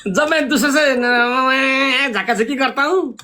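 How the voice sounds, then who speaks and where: A man's voice: very high voice, unhurried, bright, forceful tone. A man streaming live, teasing and taunting playfully in casual banter.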